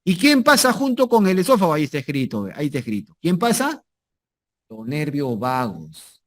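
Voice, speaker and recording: A man's voice: a little high, big pitch swings, normal speed. A man teaching anatomy in a lecture, repeating key terms, asking if students follow and adding jokey asides. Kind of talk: medical lecture with slides.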